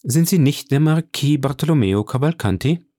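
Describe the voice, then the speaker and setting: A man reading aloud voices a polished count who speaks smoothly and with calm authority. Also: a little high, normal speed, no echo, studio quality, voice pushed up. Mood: assured, courteous. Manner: smooth, assured and courteous. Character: suave commanding count, polished and smiling.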